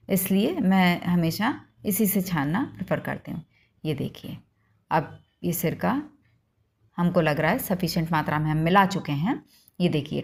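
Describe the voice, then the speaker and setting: A woman hosting a home cooking demonstration, explaining each step to viewers in a homely, instructive way. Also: on the low side. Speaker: cooking channel host.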